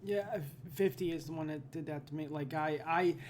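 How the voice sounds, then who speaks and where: A woman's voice: low voice, a little fast, darkish tone, a little hiss or hum. A woman in her fifties co-hosting a podcast in casual chat, teasing and laughing often. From Pittsburgh area. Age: 50s. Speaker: podcast co-host.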